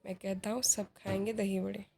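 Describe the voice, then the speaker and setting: A woman's voice: mid-range voice, flat delivery, moderate pace, gravelly, warm tone, breathy edge. A woman reading aloud the part of a cheerful, indulgent young uncle in a play. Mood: teasing.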